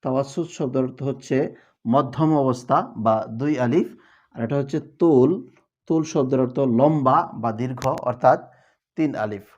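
A man teaching Quran recitation rules in a televised lesson, explaining step by step and chanting verses slowly as examples. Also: medium pitch, a little mellow, muffled recording.

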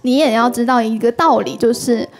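A woman's voice: fairly high pitch, a little fast, music in the background. A woman with a Taiwanese Mandarin accent, a talk show guest telling a story casually and acting out the voices of the people in it. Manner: animated, acts out quoted dialogue.

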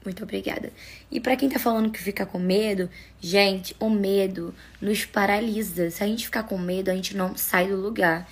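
Young Brazilian woman, casual phone vlogger, husky voice, emotional and laughing. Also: mid-range voice, steady tone, normal speed. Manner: gushing, emotional, laughs often. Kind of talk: casual phone-story vlog.

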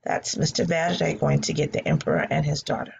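Through a nearby laptop webcam, a woman gives a read-aloud lesson from her living room, quickly and in a low, gravelly voice. She stays lively and supportive, complimenting the students' responses. The highs are cut off and there's a little background noise.

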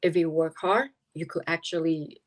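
A woman in her fifties with a Taiwanese accent and a low, deep voice speaks over a video call from a small room at home. She talks earnestly but haltingly, pausing often on fillers as she searches for words. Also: steady tone. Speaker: interviewee, politician.

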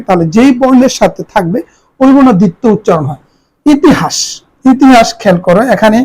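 A woman teacher gives a pronunciation lesson, slowing down and repeating each example word for her students. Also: fairly high pitch, darkish tone, poor audio. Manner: repeats words for students to follow. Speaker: Bengali grammar teacher. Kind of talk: classroom lesson.

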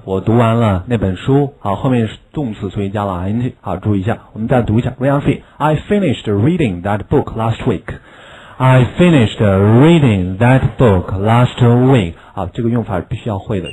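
A man teaching an English lesson in a recorded video class, explaining patiently with rhetorical questions and drilling each word by saying it slowly several times. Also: lowish voice, warm tone, rough recording.

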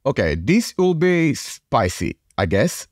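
A man's voice: mid-range voice, sing-song, slow pace, a little mellow, no room sound. A young man hosting a fan channel, giving casual reaction commentary into a podcast mic in a small home studio. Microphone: podcast mic on a boom.

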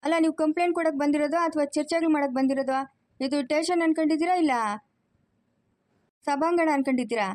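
A woman's voice: high voice, fairly even intonation, fast talker, pauses often, a little mellow, natural voice. A woman voicing an impatient, sarcastic female police officer in a family cartoon. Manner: curt, sarcastic.

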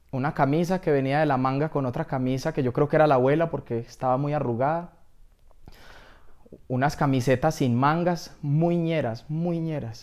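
A man telling an absurd comedy story in a deadpan way, as if talking to a doctor. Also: on the high side.

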